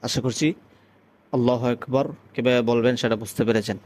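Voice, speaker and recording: A man from Bangladesh gives a call-to-prayer pronunciation lesson at a middle pitch. He explains step by step in a measured way, then slows into long, sung demonstrations of each phrase. His voice stays plain and even between explanations and chanting. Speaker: azan teacher.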